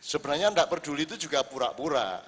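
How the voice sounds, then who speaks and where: A man preaching to a live audience, lively and full of rhetorical questions. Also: a little high, quick pace, husky. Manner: lively, rhetorical questions, acts out quoted lines. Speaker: Islamic preacher. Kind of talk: religious talk to a live audience. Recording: reverberant hall.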